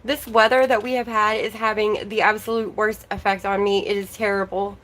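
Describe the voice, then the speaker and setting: A chatty woman hosting a relaxed livestream, talking along and greeting viewers by name. Her voice is a little worn, as if she is losing it. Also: medium pitch, fairly quick, rough recording. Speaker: livestream host. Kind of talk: casual livestream chat.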